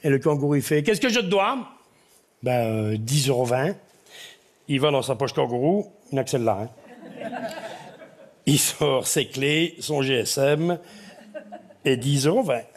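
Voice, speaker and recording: A man's voice: medium pitch, a little slow, long pauses. A man telling jokes on stage, rambling with digressions. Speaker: stand-up comedian. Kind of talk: live joke-telling.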